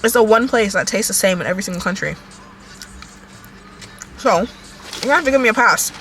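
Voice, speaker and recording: A woman's voice: medium pitch, expressive, fairly quick, soft background music. An American woman vlogging in casual chat, talking to her viewers as y'all, with plenty of fillers. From United States. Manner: chatty, talks to viewers as y'all, many fillers. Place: inside a moving car. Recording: loud car road noise.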